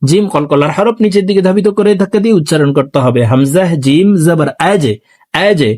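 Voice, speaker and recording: A man teaching Quran recitation, explaining pronunciation rules and then reciting verses slowly and drawn out for viewers to repeat after him. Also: a little high, darkish tone.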